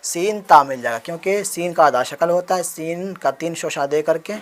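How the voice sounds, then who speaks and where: A man's voice: fairly high pitch, moderate pace, slight background noise. A man teaching Urdu handwriting, patiently spelling out letters one by one and answering his own questions as he writes. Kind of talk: explanatory handwriting lesson.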